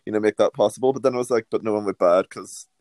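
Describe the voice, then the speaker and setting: A man's voice: on the low side, rapid-fire, darkish tone, no room sound. A young man and drag performer in his twenties, chatting casually on a podcast, laughing often and swearing casually.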